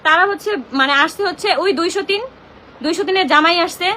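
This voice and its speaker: A young Bangladeshi woman talks in a very high voice on her phone during a live stream, her tone bright and piercing. She complains in an agitated, confrontational way. A faint noise runs behind her. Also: fast talker. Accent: Bangladeshi Bengali. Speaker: social media livestreamer. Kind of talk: emotional live-stream rant.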